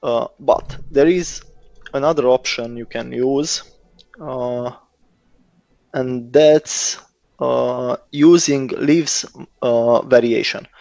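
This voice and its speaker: A man's voice: mid-range voice, takes it slowly, creaky, a little mellow, no echo. A man giving casual, hesitant technical explanations as a guest developer. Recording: dull lo-fi close dry audio.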